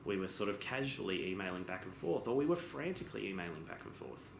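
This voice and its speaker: Deep-voiced man interpreting simultaneously, echoey room. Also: big pitch swings, quick pace, vocal fry. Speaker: interpreter giving voice-over for a sign language lesson. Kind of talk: simultaneous interpretation of a lesson, spoken in phrases. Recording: echoey room with background noise.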